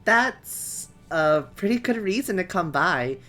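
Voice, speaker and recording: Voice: medium pitch, expressive, takes it slowly, bright, forceful tone, soft background music, voice pushed up. A streamer voicing a polite, eager neighborhood boy who keeps trying to be friendly. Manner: cheerful, trying to stay friendly. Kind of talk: voicing a character in a story game.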